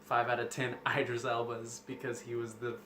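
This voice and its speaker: A man's voice: mid-range voice, little pitch movement, moderate pace, bright, forceful tone. A man co-hosting a casual film review, giving his opinion in plain conversational speech. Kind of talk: casual movie review chat. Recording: roomy echo, faint background noise.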